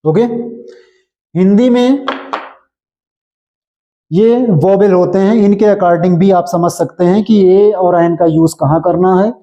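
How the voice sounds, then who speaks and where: A man teaching grammar in a slow, patient way. His voice sits high but sounds very dark and mellow. The recording is dull and lo-fi. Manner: repetitive, checks understanding often. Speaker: English teacher. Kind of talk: slow classroom explanation in Hindi.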